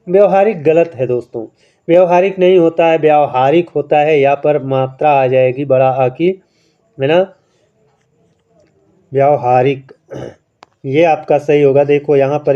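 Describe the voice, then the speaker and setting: Male online teacher, slightly high and mellow, dull lo-fi audio, walks viewers through spelling answers. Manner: explains step by step, often asks and answers his own questions; keeps addressing viewers as friends, adds "है ना". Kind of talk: online quiz lesson.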